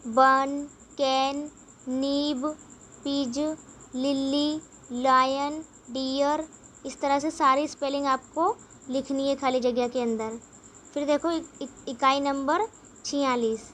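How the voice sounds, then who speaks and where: Woman teacher for a kids' class, high voice, spells out each word slowly. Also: fairly bright tone, slight background noise. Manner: slow, spells words letter by letter. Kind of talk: children's English lesson.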